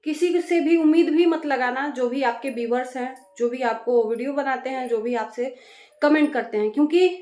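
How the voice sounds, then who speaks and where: Woman, high-pitched, reverberant room, scolding, repetitive emphasis. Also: moderate pace, warm tone. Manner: scolding, exasperated, repeats phrases for emphasis. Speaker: YouTube reaction vlogger. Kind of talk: lecturing reaction monologue.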